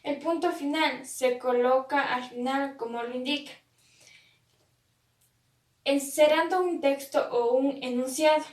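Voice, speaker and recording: A woman student reading a class presentation aloud, slowly and carefully with pauses. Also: high-pitched, steady tone, darkish tone, distant mic. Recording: echoey room, away from the mic.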